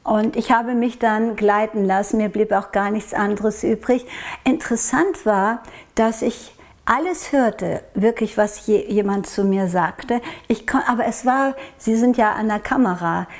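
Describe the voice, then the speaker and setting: A woman from Norway tells her story to an interviewer in a soft, reflective way, with a voice pitched a little on the high side. She often breaks off and restarts as she searches for the right words. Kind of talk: recounting a personal experience in an interview.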